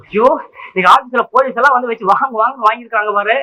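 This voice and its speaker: Here a scatterbrained young husband in a 1960s film comedy. His voice sits high and bright, and he rattles along quick, teasing and muddled. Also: lo-fi sound, heavily acted. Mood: fretting. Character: absent-minded young husband, comic, scatterbrained. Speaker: film actor.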